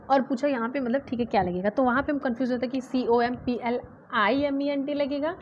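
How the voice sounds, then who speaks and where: Female grammar teacher, patient, spells words aloud letter by letter; dull lo-fi recording with faint hiss. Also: a little high. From India. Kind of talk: exam-prep grammar lesson. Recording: dull lo-fi sound with faint noise.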